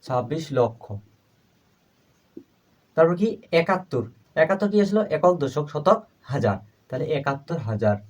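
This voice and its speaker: A man teaching a primary school math lesson, asking questions and answering them himself, repeating each number slowly as he writes. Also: on the high side, big pitch swings, darkish tone. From Bangladesh.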